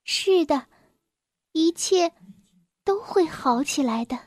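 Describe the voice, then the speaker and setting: A little mouse girl in a children's storybook, small and eager, with a raised, bright voice that reassures her old friend, as a woman reading aloud puts her on. She sits well above the reader's usual pitch. Dry, close sound. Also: lively intonation, slow pace, dry recording. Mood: gentle.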